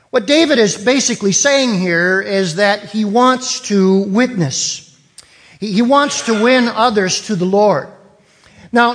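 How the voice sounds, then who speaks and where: Man, preacher, sermon, high voice, unhurried teacherly delivery. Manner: deliberate, teacherly, explains word meanings. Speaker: pastor. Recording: long reverb of a hall.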